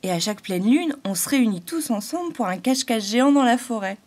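A woman's voice: fairly high pitch, lively intonation, quick pace, darkish tone, voice pushed up. A woman voicing a cheerful, playful male butterfly in a fairy-tale audiobook. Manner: bubbly, enthusiastic.

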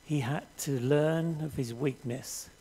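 An older man preaching a sermon in a church hall, earnest and measured, reading scripture aloud to the congregation. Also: fairly high pitch, warm tone, husky. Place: church hall stage with audience.

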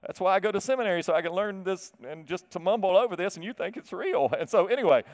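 A man preaching a sermon as pastor, folksy and animated, quizzing the congregation and chuckling at his own asides. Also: high voice, quick pace. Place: church sanctuary. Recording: long church reverb.

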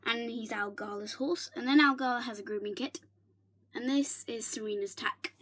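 A woman's voice: on the high side, normal speed, fairly bright tone, husky. A young woman narrates a casual tour of her toy horse barn, chatty and giggly, sometimes dropping to a whisper, filmed on a handheld phone in her bedroom. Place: bedroom, indoors. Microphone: handheld phone camera.

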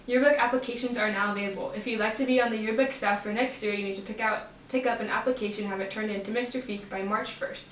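A woman's voice: medium pitch, steady tone, quick pace, hardly any pauses, a bit bright. A teenage young woman co-anchoring school announcements, reading the news items from a script. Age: teens. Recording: roomy echo, faint noise.

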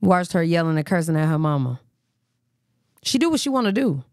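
A woman's voice: on the low side, very animated, a little fast, darkish tone, no echo, studio quality. A woman hosting a live reaction stream in blunt, profane casual talk. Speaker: livestream host.

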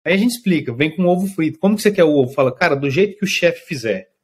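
Brazilian food truck guy, talks super fast, kinda high voice, acts out his customers. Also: breathy edge. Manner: lively storyteller, acts out customers, keeps asking "entendeu?". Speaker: food truck owner and chef. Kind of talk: casual interview chat.

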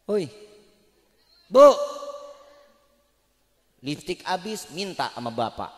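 High-voiced joking preacher man. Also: very animated, slow pace. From West Java, Indonesia. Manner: joking, teasing the audience in slangy banter. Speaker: preacher at a wedding celebration. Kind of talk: humorous sermon. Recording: hall-like reverb at a live event.

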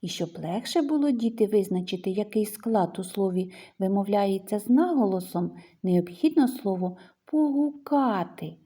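A woman teacher giving a lesson to young children, talking in a slow sing-song way and drawing out her words. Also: medium pitch, expressive, mellow, husky.

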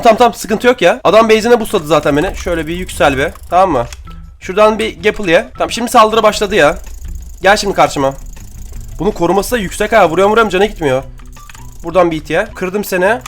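A young man with a high, light voice rattles through live gameplay commentary at a brisk clip. He talks in an excitable, slangy way, chatting straight to his viewers, and faint music plays underneath. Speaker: gaming YouTuber.

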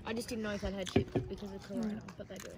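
A woman's voice: medium pitch, little pitch movement, racing, a crowd in the background. A young woman chatting bluntly with friends on a road trip, swearing casually. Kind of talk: casual chat. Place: car and outdoor coast.

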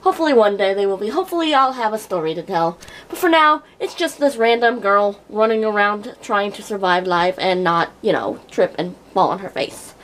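A woman's voice: mid-range voice, expressive, fairly quick, a bit bright, poor audio. Goofy rambling young woman vlogging. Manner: rambling, goofy, self-deprecating. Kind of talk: casual vlog chat. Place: workplace and home.

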